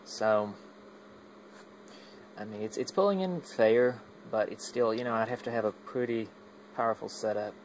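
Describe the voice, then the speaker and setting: Showing off his radio gear, a man with a lowish voice speaks at normal speed in a loose, unscripted way. He's an amateur radio hobbyist who frequently hesitates and lets thoughts trail away. The recording is rough, with slight background noise.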